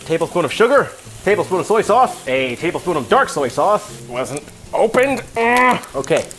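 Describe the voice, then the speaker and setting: A man hosting a casual, comedic cooking lesson in a loose, rambling drunk manner, irreverent and a little profane. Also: a little high. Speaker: cooking video host. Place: home kitchen.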